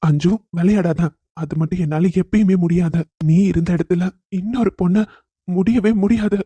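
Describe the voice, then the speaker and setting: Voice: medium pitch, moderate pace, mellow, slightly rough, no echo, natural voice. A performer voicing a grieving young policeman and father in a cartoon, pleading with his late wife. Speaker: widowed father. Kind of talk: cartoon voice acting.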